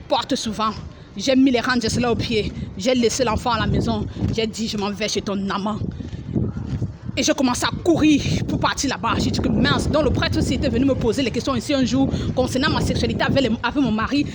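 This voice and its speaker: A woman's voice: fairly high pitch, a little hiss or hum. A woman giving an emotional religious testimony, dramatic and repetitive, crying out as she relives the scenes. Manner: dramatic, repeats phrases, cries out and acts out scenes.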